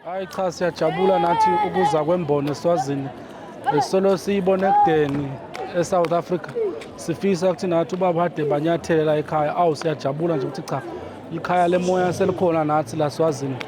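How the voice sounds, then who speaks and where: A man gives off-the-cuff interview remarks in a slightly high voice. He talks fast over a very loud crowd. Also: fairly even intonation. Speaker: attendee interviewed at event.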